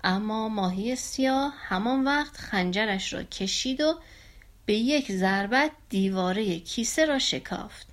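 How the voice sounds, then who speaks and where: A woman reading a children's story aloud in a calm, steady storytelling manner. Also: mid-range voice.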